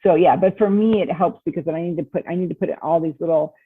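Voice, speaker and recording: A woman author, a guest on a podcast interview, chats casually in a lowish, breathy-edged voice at a fast pace, explaining things and acting out her thoughts as quotes. There is no echo, but the line sounds tinny and phone-like, with muffled words.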